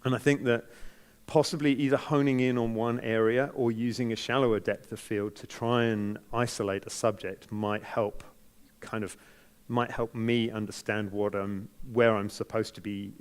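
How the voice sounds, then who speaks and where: A man with a New Zealand accent giving unscripted feedback as a competition judge, speaking in a hesitant, measured way and softening his criticism. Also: lowish voice, little pitch movement, clear, resonant tone.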